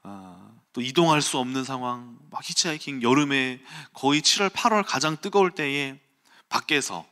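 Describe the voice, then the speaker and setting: Bright-voiced male preacher telling stories. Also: medium pitch, moderate pace. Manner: animated storytelling, acts out quotes and sounds, chuckles. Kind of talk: early-morning sermon with personal storytelling.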